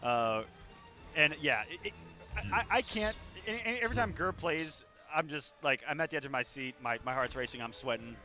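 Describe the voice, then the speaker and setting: A man giving color commentary on a fighting game match, stammering and restarting when excited. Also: a little high, normal speed. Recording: commentary over loud game music.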